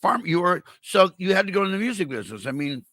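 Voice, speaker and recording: Older male host, bright voice, mouth swollen. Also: high voice, very animated, fast, no echo, studio quality. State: impeded speech from a swollen, infected mouth. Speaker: interview show host. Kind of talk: casual chat.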